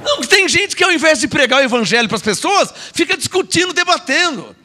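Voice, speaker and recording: A man's voice: very high-pitched, big pitch swings, brisk, sharp tone. A man with a Brazilian Portuguese accent preaching a sermon as an apostle, scolding and sarcastic, with mocking asides and repeated words.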